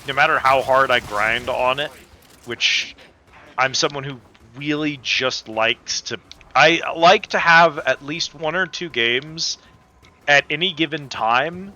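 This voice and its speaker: A livestream host with a mid-range, sharp-toned voice chats casually and effusively with viewers while playing a video game. Game music plays behind him, and there's a little hiss or hum.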